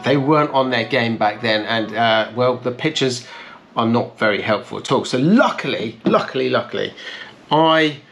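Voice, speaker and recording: A man in his thirties hosts a car restoration channel, filming a casual vlog at a table in a bright, plant-filled conservatory. His medium-pitched, slightly bright voice has lively intonation at a moderate pace as he explains things step by step in a hands-on way. Faint music plays behind him.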